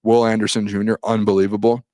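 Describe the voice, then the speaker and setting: Talking fast in a low, mellow voice with a level tone, a young sports-show host recaps practice alone on a live stream. He rambles, restarts often, reads viewer comments out loud, and clears his throat as his voice gives out. The sound is studio quality with no room sound.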